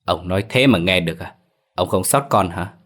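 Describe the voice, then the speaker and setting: A man's voice: deep voice, brisk, a bit bright. A man voicing a grieving older mother who sobs and pleads with a choked voice. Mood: anguished.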